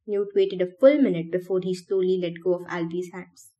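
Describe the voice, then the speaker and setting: A woman reading a novel aloud for a podcast in a steady, measured way. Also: fairly low pitch, lo-fi sound. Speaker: podcast reader.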